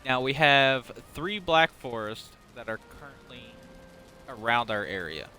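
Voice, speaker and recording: A man talks through his gameplay off the cuff, in a loose, rambling way, tripping over his words and dropping the odd swear. His voice is bright and forward at an ordinary middle pitch, with faint music running underneath. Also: expressive, a little slow. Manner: rambling, unrehearsed, admits stuttering, swears casually. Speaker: gaming channel host. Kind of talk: casual let's-play commentary.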